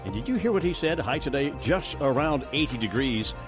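A man's voice: mid-range voice, animated, a little fast, over music. An American man hosting morning radio news, reading items and adding wry, conversational asides.

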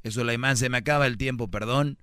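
A man's voice: medium pitch, fast, bright, forceful tone, clear, resonant tone, no room sound, studio quality. A man with a Mexican accent hosting a call-in radio advice show, blunt and teasing in a preachy way. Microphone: studio microphone.

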